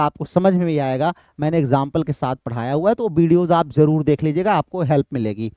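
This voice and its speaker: A man's voice: high-pitched, darkish tone, no room sound, clean studio sound. A man teaching literature for exam prep, explaining step by step, repeating key terms and answering his own questions.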